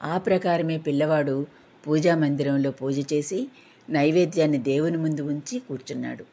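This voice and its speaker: A woman narrating devotional stories in a steady, gentle reading style. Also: low voice, moderate pace. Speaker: storyteller.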